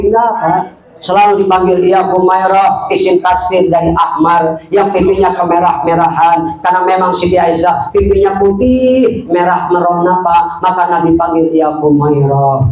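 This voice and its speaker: A man's voice: high-pitched, darkish tone, reverberant, low-quality recording. An older man preaching a comic sermon, joking and teasing his audience between prayers. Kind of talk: comic sermon at a religious gathering. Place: live religious event, crowd gathering.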